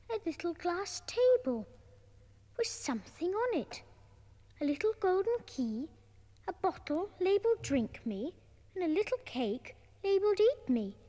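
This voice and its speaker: A woman's voice: very high-pitched, darkish tone, big-room sound, exaggerated voice. A woman voicing the polite, curious young girl Alice, speaking in a prim, well-spoken, wondering way.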